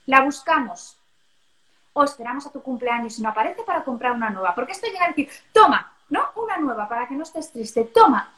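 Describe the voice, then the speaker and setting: A woman's voice: high voice, expressive, a little fast, sharp tone, echoey room, low-quality recording. A woman talking casually and with animation about raising children, acting out parents' voices now and then. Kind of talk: casual conversation.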